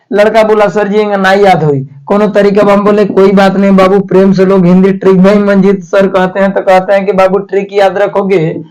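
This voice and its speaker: A man's voice: sits high, darkish tone, rough recording. A man teaching a grammar lesson for exam prep in a chatty, repetitive way, asking and answering his own questions. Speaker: Hindi teacher.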